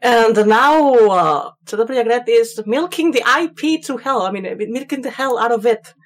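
Woman, podcast co-host, casual chat, wry, explains things, a bit high. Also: animated, normal speed.

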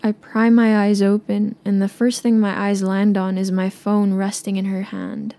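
A young woman, a native Tagalog speaker, narrating a personal story in a soft, subdued way. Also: medium pitch, flat delivery, normal speed.

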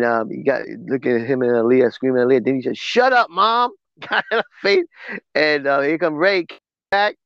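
A man co-hosting a wrestling talk show in casual chat, recapping in a halting, rambling way with many restarts. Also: fairly high pitch, vocal fry, dry recording, lo-fi sound. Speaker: podcast co-host.

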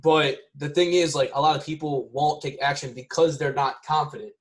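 A man's voice: a little high, steady tone, normal speed. Rambling man in casual podcast chat. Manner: rambling, many restarts, tags lines with "right?".

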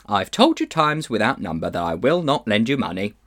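A man voicing a firm, quiet older woman who will not give in. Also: on the low side, big pitch swings, a little fast, no room sound, clean studio sound.

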